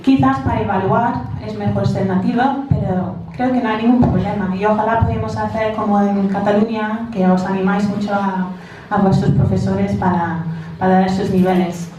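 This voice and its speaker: A woman with a non-native, English-speaking accent in Spanish gives an informal conference presentation as a teacher, haltingly searching for words. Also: medium pitch, steady tone, mellow. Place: large echoey indoor room. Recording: very echoey room, distant mic, faint noise.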